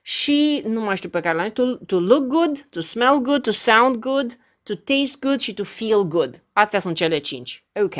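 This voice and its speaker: A woman's voice: fairly high pitch, lively intonation. Woman teaching English verbs. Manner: reads English examples slowly and clearly, then translates. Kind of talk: online language lesson.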